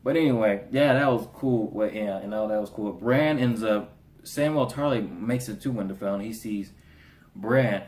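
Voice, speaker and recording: A man giving a casual spoken review of a TV episode, slangy and animated, slipping into voices for the characters. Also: on the low side, moderate pace. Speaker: TV show reviewer. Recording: roomy echo.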